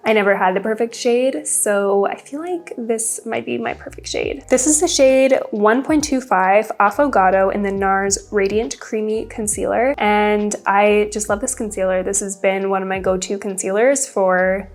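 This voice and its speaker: A young woman with a mid-range, congested voice from a cold chats casually through her makeup routine as a beauty vlogger. She talks at normal speed with hardly any pauses, upbeat and chatty, rambling about products in a get-ready-with-me style.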